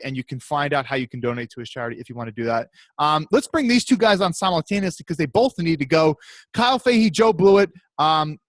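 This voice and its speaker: A man's voice: on the high side, no echo. A man hosting a casual sports podcast, teasing his co-hosts and talking over them. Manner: teasing, lively, talks over others. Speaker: podcast host.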